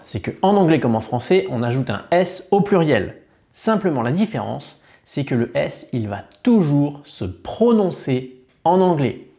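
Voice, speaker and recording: Slow French-accented male teacher. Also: fairly high pitch, dark tone. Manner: slow, careful model pronunciation of words. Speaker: English teacher. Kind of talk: beginner language lesson.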